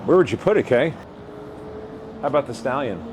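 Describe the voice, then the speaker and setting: A man's voice: medium pitch, animated, a little fast. Enthusiastic man hosting a store walkthrough. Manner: enthusiastic, exclamatory. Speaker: vlog host. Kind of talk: casual walkthrough narration. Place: antique mall, large indoor store. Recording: noisy handheld store recording.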